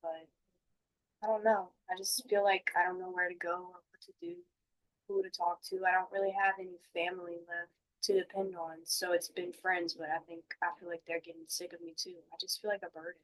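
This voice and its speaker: Woman acting as a dejected, halting counseling client. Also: lowish voice, level tone, natural voice, poor audio. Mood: discouraged. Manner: downcast, halting, confiding. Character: dejected jobless, homeless woman confiding in a counselor. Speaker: client in a role play. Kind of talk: mock counseling session.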